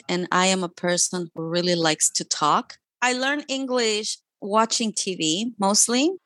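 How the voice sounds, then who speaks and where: A woman from Chile speaks English with a Chilean Spanish accent, Spanish being her first language. She tells her own story in an earnest, reflective and talkative way. Her voice sits at a middle pitch and sounds dry and close, with no room echo. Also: fairly bright tone. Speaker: interviewee. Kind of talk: personal storytelling.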